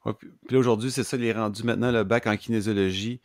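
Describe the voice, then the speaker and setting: A man with a Québécois accent hosting a casual podcast interview, asking questions in a halting way and repeating words as he goes. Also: on the low side, fairly even intonation, dry recording. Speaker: podcast host.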